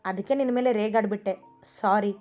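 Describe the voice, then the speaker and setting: A woman's voice: mid-range voice, steady tone, normal speed, a little mellow, close to an everyday voice. A woman voicing a loving young husband who apologizes tenderly to his wife in a storybook reading. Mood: pleading. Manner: pleading, affectionate, apologetic. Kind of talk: storybook narration with voiced characters. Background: faint music.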